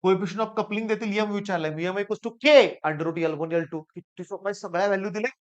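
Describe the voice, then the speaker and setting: A man with a Marathi accent teaching physics for an exam, hoarse from a sore throat, coaxing his students and repeating the key points. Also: high-pitched, a little fast, a bit bright, highs cut off. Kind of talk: exam-prep lecture.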